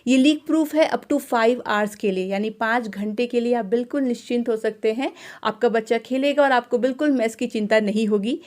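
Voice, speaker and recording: A young woman chatting casually in a home vlog, talking quickly and fluently. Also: fairly high pitch, a little mellow. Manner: chatty and quick, mimics others' speech. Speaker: vlogger. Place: indoor home. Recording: echoey room, faint background noise.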